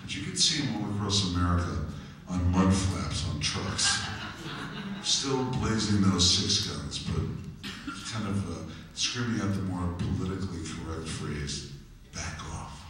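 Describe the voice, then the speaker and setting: Brief: fifties New Jersey man, low voice, chatty stage storyteller, echoey hall heard from far off. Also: lively intonation, measured pace, fairly bright tone, slight background noise. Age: 50s. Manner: chatty, joking, asks the crowd questions. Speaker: musician telling stories on stage. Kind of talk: live storytelling to an audience.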